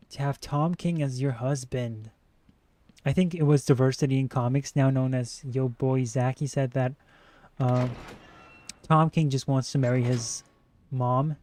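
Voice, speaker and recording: Mellow-voiced man chatting through a game stream. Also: medium pitch, dry recording. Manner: rambling, chatty, reads out and answers chat. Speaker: gaming streamer. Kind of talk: casual let's-play commentary.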